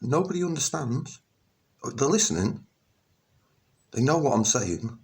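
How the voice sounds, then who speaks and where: A very animated middle-aged vlogger from England, medium-pitched and a little mellow, rambles about personal matters to camera. He halts often with ums and restarts, then breaks out emphatically.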